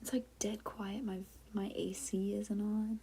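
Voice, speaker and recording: A young woman whispering softly and offhandedly as she chats while drawing late at night in a quiet house. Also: mid-range voice, flat delivery, unhurried, slight background noise. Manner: soft whispering, offhand and unbothered. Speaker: vlogger.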